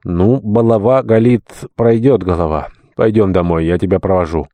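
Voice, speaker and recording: A man's voice: low voice, moderate pace, dark tone, dry recording. A man voicing a simple, good-natured deacon in an audiobook reading, speaking plainly and without hurry.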